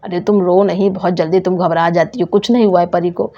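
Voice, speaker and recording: Woman doing a gruff, scolding dad. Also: on the low side, steady tone, brisk, warm tone, pitched below the performer's own voice. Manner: scolding, soothing by turns. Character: calm, dismissive young father of the family. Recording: dull lo-fi sound.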